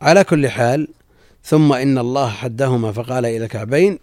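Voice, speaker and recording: A man's voice: mid-range voice, a little mellow, no room sound, clean studio sound. Man teaching a classical text. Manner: measured, repeats lines for emphasis. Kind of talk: reading and explaining classical jurisprudence.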